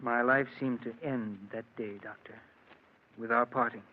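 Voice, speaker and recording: A man's voice: mid-range voice, flat delivery, normal speed, lightly acted. An actor in an old-time radio drama, playing an unhappily married, lovelorn man with earnest, dramatic delivery. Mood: wistful, confessional. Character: unhappily married man confessing his past, lovelorn, bitter. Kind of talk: old-time radio drama acting, first-person narration and dialogue. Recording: muffled, noisy old radio recording.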